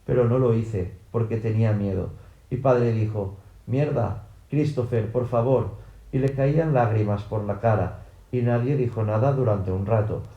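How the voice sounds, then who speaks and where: A man reading a first-person audiobook narration in an even, literal way, in a roomy-sounding recording. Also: fairly low pitch, moderate pace, lo-fi sound. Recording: roomy echo.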